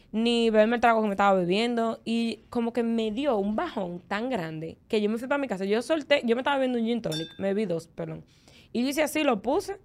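A young adult woman with a Dominican Spanish accent, co-hosting a casual chat and telling candid, expressive stories. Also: fairly high pitch. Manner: candid, expressive storytelling with lots of fillers. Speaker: podcast co-host.

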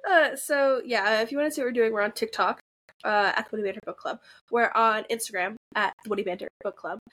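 A woman's voice: on the high side, fast talker, a bit bright. A young adult woman with a nasal voice, co-hosting a book podcast in a casual, filler-heavy chat. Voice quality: nasal this episode. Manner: chatty, filler-heavy, lots of likes and ums. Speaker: podcast co-host.

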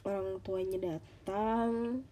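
A woman hosting a podcast as a casual, halting monologue, with a congested, nasal voice like a blocked nose. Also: medium pitch, steady tone, dark tone, a little hiss or hum. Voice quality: congested, stuffy-nosed nasal voice. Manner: informal, halting, with audible sighs. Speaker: podcast host.

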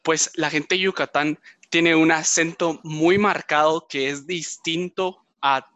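Host: man, chatty questions, sharp slightly high voice. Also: steady tone, slow, no room sound. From Guatemala. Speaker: podcast host. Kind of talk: casual chat.

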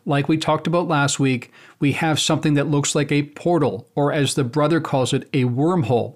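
A man hosting a show, reading aloud from a book in a measured, deliberate way and then commenting on it. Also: on the high side. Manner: measured, deliberate storytelling delivery. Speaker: host.

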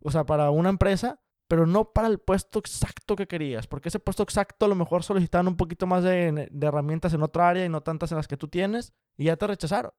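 Smooth-voiced young man. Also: high voice, darkish tone, no room sound, clean studio sound. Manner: direct, brisk and encouraging, addresses the viewer as "you". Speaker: career advice vlogger. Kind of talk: casual explanatory talk to viewers.

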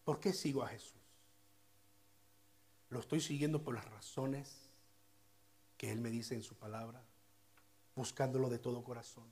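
A man with a Mexican accent preaching a sermon and leading a prayer. He swings between hushed passages and loud exclamations. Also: mid-range voice, fairly even intonation, a little slow, long pauses. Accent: Mexican Spanish. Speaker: pastor. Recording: faint music behind.

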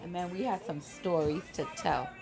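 On the low side with vocal fry and a slightly mellow quality, this Trinidadian woman in her late 30s speaks at a moderate pace while hosting a livestream. She tells stories in a chatty, familiar manner, frequently addressing viewers, with music playing in the background.

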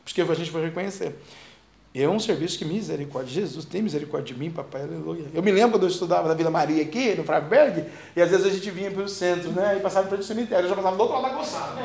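A preacher, delivering a fervent, repetitive sermon that builds to shouts. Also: male voice, high voice, very fast, gravelly, echoey room. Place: church.

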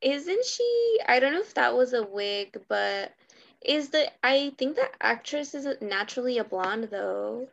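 A woman's voice: a little high, sing-song, unhurried, gravelly, no room sound. Young woman podcast co-host, rambling filler-heavy chat, dry close lo-fi recording. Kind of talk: casual chat. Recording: dull lo-fi sound.

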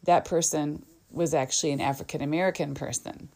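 A woman's voice: deep voice, steady tone, brisk, vocal fry, darkish tone, dry recording. A mother telling first-person parenting stories in a reflective, earnest and candid way.

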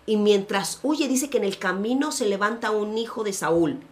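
A woman's voice: mid-range voice, moderate pace. Woman telling a Bible story. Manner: animated storytelling with slangy asides. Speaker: podcast co-host, pastor. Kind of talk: casual faith chat.

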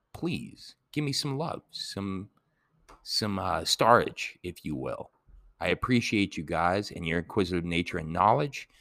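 Deep-voiced man explaining casually. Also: vocal fry, dry recording, studio quality. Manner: rambling, digressive, relaxed. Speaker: educator.

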